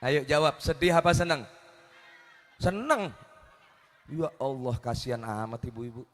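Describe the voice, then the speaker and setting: A man's voice: a little high, fairly bright tone, long reverb tail. A male preacher giving a humorous sermon, teasing the audience with questions. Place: religious gathering at night.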